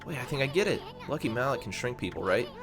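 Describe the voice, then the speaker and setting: A man's voice: mid-range voice, lively intonation, fast talker, music in the background, voice pushed up, natural voice. A man voicing a cheeky, brash tiny male wandering artist in a video game, with a teasing manner.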